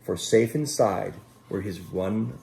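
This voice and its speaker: With a lowish, creaky voice, a man reads a Bible story to children in a gentle, unhurried way, stopping to address them directly as their Sunday school teacher. There is slight background noise.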